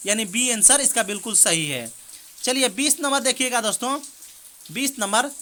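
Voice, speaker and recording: A woman teaching exam prep, reading out multiple-choice questions and answers quickly and often saying "theek hai doston", with rain behind her. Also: on the high side, pushed and bright. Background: rain heard in the background.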